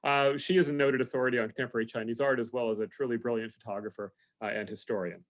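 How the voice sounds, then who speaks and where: A man giving a formal introduction for a lecture over a video call, speaking in a measured way with frequent pauses and fillers. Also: mid-range voice, fairly even intonation.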